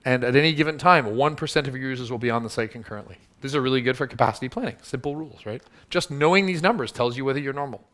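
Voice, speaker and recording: A man's voice: mid-range voice, racing, few pauses, a bit bright. A man giving a live workshop talk to an audience, punchy and teasing, quizzing the room with show-of-hands questions. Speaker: workshop speaker.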